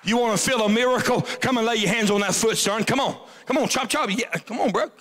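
A man preaching at a revival, fervent and often shouting, with a stutter and sudden quieter passages. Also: very high-pitched, quick pace.

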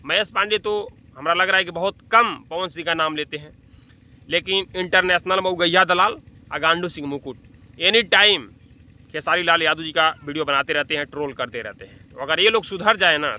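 A slightly high, slightly fast male voice, pushed and bright, belongs to a vlogger recording outdoors with his phone at arm's length. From an open-sided thatched hut by the fields, he talks emphatically and casually to camera, repeats phrases and says "brother" to listeners.

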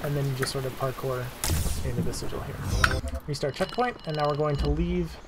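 A man casually narrating a speedrun tutorial over gameplay, relaxed and self-deprecating, with many fillers and repeated words. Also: a little high, brisk, heavy background noise. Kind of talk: casual gameplay walkthrough commentary.

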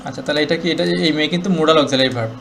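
A man with a Bangladeshi accent teaching English grammar, asking questions and answering them himself, with the English examples read slowly. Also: on the high side, a bit bright, slight background noise. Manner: quick, explanatory, asks and answers his own questions, reads English examples slowly. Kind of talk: explaining grammar to students.

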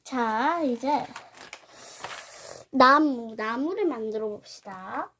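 A woman's voice: a little high, animated, slow pace, sharp tone, a little hiss or hum. A young girl hosting her channel, narrating a toy build step by step with cheerful ta-da calls. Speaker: channel host.

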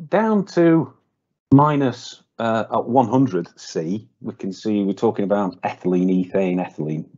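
A man with a somewhat low, mellow, husky voice presents a technical webinar for a welding company, speaking off the cuff with lots of fillers and repeated words. The webinar audio is dull and lo-fi.

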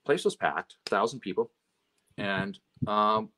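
A man, a road manager from Canada, telling lively anecdotes as a guest and acting out quoted lines, often checking in with "right?". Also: fairly low pitch, slow. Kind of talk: casual storytelling chat.

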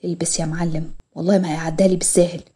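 A woman's voice: on the low side, level tone, rapid-fire, dark tone, breathy edge, pitched below the performer's own voice. A woman with an Egyptian accent voicing a doting businessman husband who coaxes and soothes his wife. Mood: coaxing. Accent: Egyptian Arabic. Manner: soothing, coaxing.

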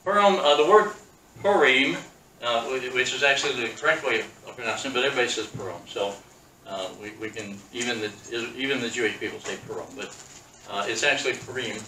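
A man gives a casual bible teaching as pastor, halting with many fillers and restarts and asking the congregation questions. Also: mid-range voice, pushed and bright, slight background noise. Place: church hall. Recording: echoey room, speaker far from mic.

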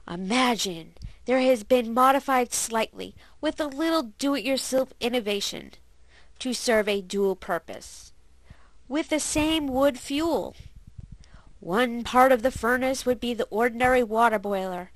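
Woman host, scripted how-to voice-over, steady explaining, mid-pitched, close dry recording. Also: no room sound, poor audio. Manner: steady, explanatory, with small slips. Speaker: channel host narrating.

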